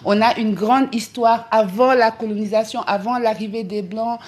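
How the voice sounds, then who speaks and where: A woman from Senegal, talking on a live travel vlog, halting and full of fillers and repeated words. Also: a little high, fairly even intonation, darkish tone. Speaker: travel vlogger.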